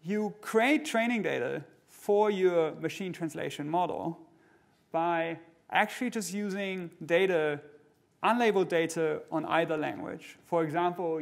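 A middle-aged man delivers a conference keynote with a voice pitched a little high. He explains things step by step in a measured way, with frequent fillers and small restarts. He speaks from a large stage into a headset mic. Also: creaky.

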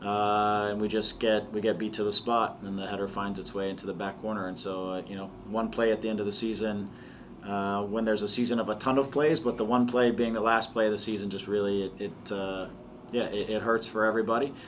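A man in his forties, a soccer head coach, answering questions at a post-match press conference in a measured, halting way, with many restarts. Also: lowish voice, little pitch movement, a little hiss or hum. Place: press room before a sponsor backdrop.

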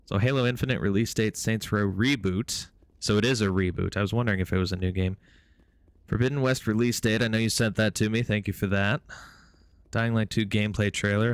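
A man chatting casually on a gaming live stream, rambling with frequent fillers and restarts. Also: lowish voice.

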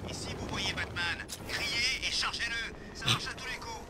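An actor voicing gruff street thugs in a video game, griping to each other. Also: male voice, very high-pitched, normal speed. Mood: grumbling. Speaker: game characters. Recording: game audio under loud noise.

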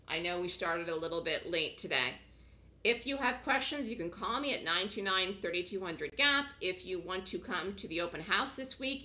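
A bit hoarse, as if getting over a cold, a woman teaches a trading course via webinar from her home office. Her voice sits lowish but sounds bright and forward. She chats and repeats herself a lot, pitching the course with frequent "okay?" checks.

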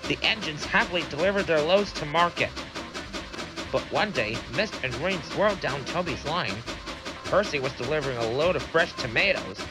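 A man narrating a children's story in an animated storytelling way, with music behind. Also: fairly high pitch, moderate pace.

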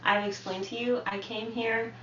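Young woman content creator, soft hedging talker; bright voice, roomy and dull recording. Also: fairly high pitch, flat delivery, normal speed. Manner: hedging, filler-heavy, soft-spoken. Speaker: content creator on a live reality stream. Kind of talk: casual chat. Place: indoor room in a reality house. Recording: echoey room, distant from mic, dull lo-fi, faint hiss.

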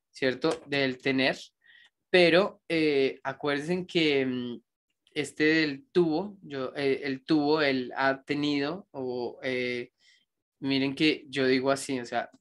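Man teaching English grammar, slow dictation. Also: mid-range voice, a bit bright. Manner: switches between explaining and slow dictation of examples; reflective, rambling asides. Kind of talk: online grammar lesson.

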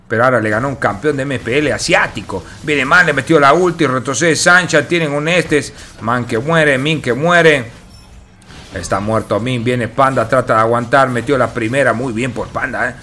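A man's voice: medium pitch, normal speed, sharp tone, slight background noise. A man with a Latin American Spanish accent commentating a video game play by play like a fighting game announcer, slangy and sweary, repeating phrases in bursts. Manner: foul-mouthed, slangy, exasperated ribbing of players. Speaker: esports commentator.

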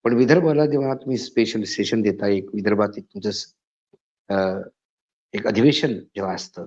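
A man's voice: lowish voice, a little mellow. A man giving an indignant spoken editorial, his voice rising to emphatic outbursts. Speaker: political commentator. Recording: slightly dull lo-fi audio.

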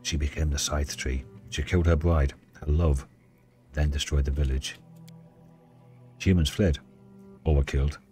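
A man's voice: extremely low pitch, fairly even intonation, unhurried, long pauses, mellow, faint music behind. A man voicing a wistful, ancient female dryad from a video game, telling the story solemnly. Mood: mournful. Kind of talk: video game dialogue read aloud.

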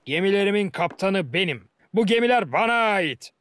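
A man voicing a blunt, defiant male ship captain in a dubbed cartoon, speaking forcefully. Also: high voice, lively intonation, moderate pace, clean tone. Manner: forceful, confrontational. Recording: music behind the voice.

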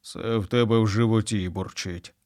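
A man's voice: lowish voice, fairly even intonation, moderate pace, darkish tone, dry recording, clean studio sound, lightly acted. A man doing a kindly green wolf. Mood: calm. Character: green wolf, big, kind and hungry.

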